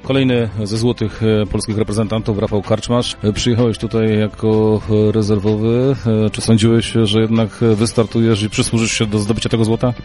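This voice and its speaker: Man, sports reporter, fairly low voice, short leading questions, faint music behind. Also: little pitch movement, fairly quick, few pauses, warm tone. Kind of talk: sports interview and news report.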